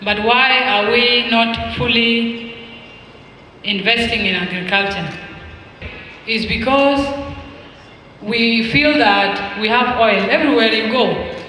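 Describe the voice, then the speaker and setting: High, slow South Sudanese man in a hall. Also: pushed and bright, slight background noise. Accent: South Sudanese English. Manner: deliberate, emphatic, rhetorical questions and repetition. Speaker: speaker at an expo launch. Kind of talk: formal public speech. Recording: echoey hall with long reverb.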